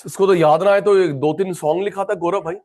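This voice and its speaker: A man's voice: sits high, steady tone, fast talker, darkish tone. A man teaching an economics class, chatty and repetitive, calling students by name. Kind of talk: classroom lecture.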